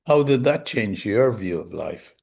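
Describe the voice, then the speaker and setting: A man's voice: fairly low pitch, expressive, a little slow, gravelly, darkish tone. A man from Guyana hosting an interview, asking questions in a friendly, conversational way. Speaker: host.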